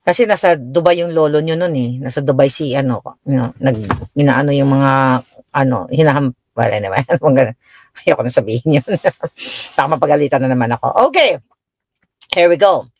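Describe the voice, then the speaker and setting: A middle-aged Filipina is live streaming from her home in the United States, chatting about her grown kids and answering viewers, with her voice jumping up when she quotes herself. She sounds expressive and a little mellow at a normal speed. The recording is dry.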